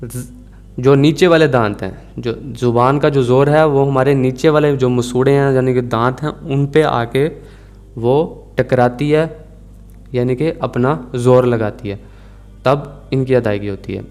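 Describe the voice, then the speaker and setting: Slow, clear-voiced Urdu tajweed teacher. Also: male voice, medium pitch, a little mellow. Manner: slow, repeats letters and words for drilling. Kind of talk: recorded Quranic pronunciation lesson.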